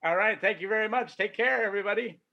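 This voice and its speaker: A man's voice: high voice, fast, gravelly, pushed and bright, highs cut off. A man speaking casually and a bit hesitantly as a sponsor guest on a video call. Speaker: sponsor representative, interview guest. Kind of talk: casual remote interview. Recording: music behind the voice. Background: music.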